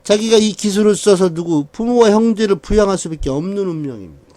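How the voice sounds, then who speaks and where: This time the man teaching birth-chart reading has a high, dark-toned voice and talks quickly. As a saju fortune-telling instructor, he repeatedly questions the class, answers himself, and chuckles as he moves from point to point.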